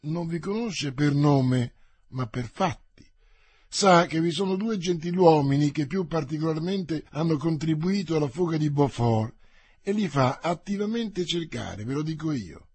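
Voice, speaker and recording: A man voicing a bold young male musketeer in an audiobook reading, speaking briskly and emphatically. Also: fairly high pitch, animated, darkish tone, husky, pitched above the performer's own voice, exaggerated voice. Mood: eager.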